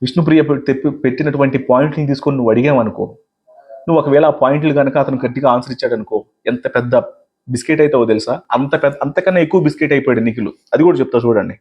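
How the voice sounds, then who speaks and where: A man reviewing a reality show, recapping contestants' arguments with emphatic commentary and quoting them in a lower voice. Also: racing, slightly rough, highs cut off.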